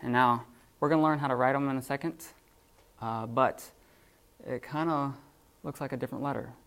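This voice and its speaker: A man teaching a classroom lesson off the cuff, halting with many fillers and restarts. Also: mid-range voice, fairly even intonation, fairly bright tone. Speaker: Greek teacher.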